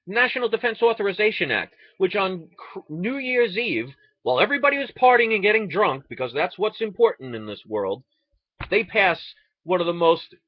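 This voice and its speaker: Animated, high-pitched man on an indignant rant. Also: no echo, lo-fi sound. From United States. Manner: indignant, sarcastic, rhetorical questions. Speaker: online video ranter. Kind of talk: impassioned political rant.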